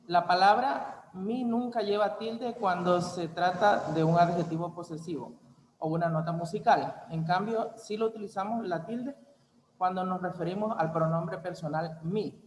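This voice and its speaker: A young adult man giving a university class presentation, reading an explanation in careful, measured phrases. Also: high voice, slight background noise. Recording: echoey room with long reverb.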